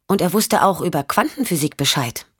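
A woman's voice: lowish voice, lively intonation, a little fast, a bit bright, slightly rough, studio quality, voice pushed up. A woman voicing a withdrawn, odd young girl who gives blunt short answers and echoes words, for an audiobook.

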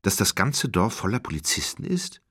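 A man's voice: on the low side, big pitch swings, moderate pace, pushed and bright, breathy edge, no room sound, studio quality, voice pushed up, full character voice. A man reading an audiobook, voicing an urgent female police officer who questions witnesses in a clipped, insistent way.

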